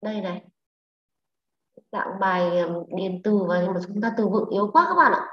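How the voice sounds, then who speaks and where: A woman English teacher with a Vietnamese accent, leading a class online, brisk and prodding students with questions. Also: medium pitch, expressive. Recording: echoey, lo-fi online class audio.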